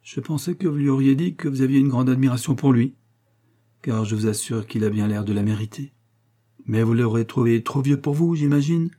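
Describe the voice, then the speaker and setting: Brief: gentle old maiden aunt in a storybook reading, soft and motherly, dark husky tone, played by a man. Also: medium pitch, a little fast, close to an everyday voice.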